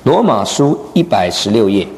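A man's voice: lowish voice, sing-song, moderate pace, creaky, crowd noise. A middle-aged or older man, a pastor giving a humorous sermon, joking and self-deprecating. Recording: echoey hall with background noise.

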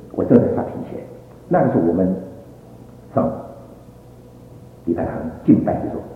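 A male preacher tells his testimony with a lively, swooping voice that leaps up in emphatic bursts. The sound is thin and tinny like a phone line, with heavy echo and a long hall reverb behind it. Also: on the low side, slight background noise. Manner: animated, emphatic storytelling with rising outbursts. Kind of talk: sermon with personal testimony. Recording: tinny, echoey hall recording.

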